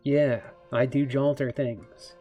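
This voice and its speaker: A man puts on a soft-spoken young angel knight who never takes off his helmet. The voice has a metallic, muffled filter, as if spoken behind a water bottle. It is drawn out, slightly raised and a bit removed from the mic, with faint music behind. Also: medium pitch, level tone, takes it slowly. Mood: shy. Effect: muffled metallic sound, voice spoken behind a water bottle. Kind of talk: casual chat between artist friends.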